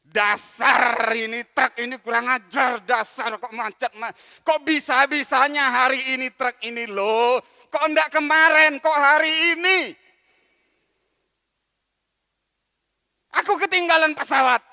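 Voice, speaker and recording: A pastor acting out a panicked middle-aged man stuck in traffic, with loud, pleading outbursts. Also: very high-pitched, steady tone, moderate pace, long reverb tail, voice pushed up, full character voice. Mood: exasperated.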